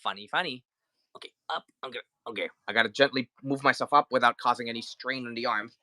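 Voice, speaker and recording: A man's voice: medium pitch, quick pace, bright, forceful tone, dry recording. A man hosting a casual live toy sale, chatty and sick with the flu, greeting viewers and counting down offers. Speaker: livestream toy seller. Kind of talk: casual live-selling chat.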